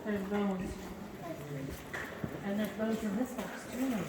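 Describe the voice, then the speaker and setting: A woman's voice: medium pitch, steady tone, takes it slowly. A woman on a cave tour chatting casually, her voice echoing off the cave around her. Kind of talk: casual chat. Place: inside a show cave. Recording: noisy, echoing cave, distant mic.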